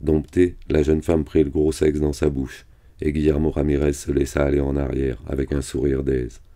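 A man reading a novel aloud in a steady, measured delivery. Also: extremely low pitch. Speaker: reader.

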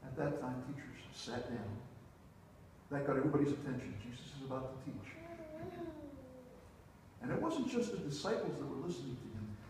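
Middle-aged pastor preaching in echoey church. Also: male voice, medium pitch, animated, normal speed, long pauses, a little mellow, a little hiss or hum. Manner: storytelling, moves about the stage with wide gestures. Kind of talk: sermon. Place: church sanctuary, large indoor room. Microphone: distant room mic, preacher away from the camera. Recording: echoey church hall heard from far off.

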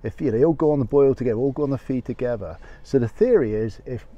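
A man's voice: medium pitch, fast. A man in his fifties, sitting outdoors and chatting to camera with a lapel mic as he explains his fishing rig in a casual, practical way. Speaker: fishing vlogger. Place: outdoor wooden deck by the sea. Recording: slightly dull lo-fi audio.

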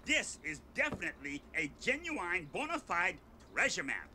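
A man's voice: high-pitched, very animated, moderate pace. A man voicing a cheerful, dim-witted rich bear squire, earnest and goofy. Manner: earnest, goofy, soft-spoken. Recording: film audio with loud noise.

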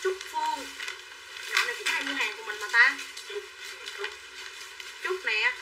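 A woman with a fairly high voice speaks at a measured pace while hosting a livestream clothing sale. She chats as she calls out prices and buyers' names and coaxes viewers to buy. The mic is distant and picks up faint background noise.

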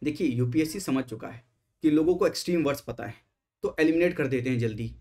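A man's voice: medium pitch, fast, a little mellow. A man teaching exam strategy, speaking emphatically, asking rhetorical questions and mixing English terms into his Hindi.

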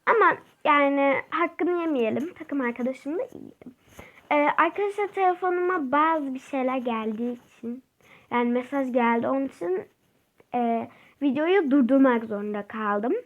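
A woman hosting her own gaming channel, giving chatty, excitable let's-play commentary and crying out during the game. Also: high voice, moderate pace, lo-fi sound.

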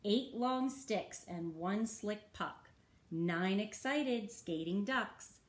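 Woman storyteller for kids, very slow and sing-song, roomy echoey sound. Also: mid-range voice, lively intonation. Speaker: children's story reader. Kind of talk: reading a picture book aloud. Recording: roomy echo.

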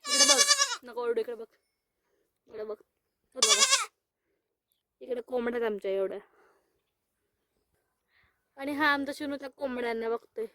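A woman's voice: on the high side, fairly even intonation, moderate pace, pauses often, a little hiss or hum. A woman filming a casual farm vlog outdoors on a phone, coaxing and playfully calling to her pet goat. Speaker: vlogger. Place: outdoors on a farm with goats and hens. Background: goat bleating.

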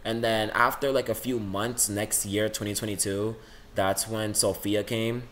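A teenage boy rambles through a casual monologue about the people he knows, leaning on "like" again and again. His voice sits low, but it jumps up and down as he goes. A faint hiss runs under the recording. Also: a little slow. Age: teens. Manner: rambling, says "like" a lot, lively swings in pitch. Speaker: student vlogger.

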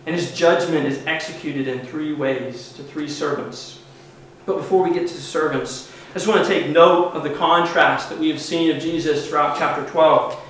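A man's voice: fairly high pitch, steady tone, normal speed, a bit bright, far from the mic, slight background noise. A man in his thirties, a pastor preaching an earnest, emphatic sermon from a pulpit in a church sanctuary. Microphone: far camera mic, no visible microphone. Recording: very echoey church heard from afar.

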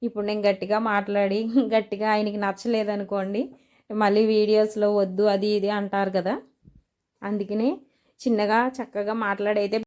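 Soft-spoken woman with a mellow voice. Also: medium pitch, flat delivery, moderate pace. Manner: soft-spoken, chatty and earnest. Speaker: vlogger. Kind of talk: casual chat to viewers. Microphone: no microphone, phone or camera built-in mic.

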